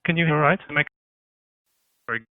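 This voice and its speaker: A man speaking on a video call whose audio keeps breaking up into glitches, asking haltingly whether anyone can hear him. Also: a little high, no echo, phone-quality sound. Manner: halting, confused sound checks. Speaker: webinar speaker. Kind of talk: online meeting talk.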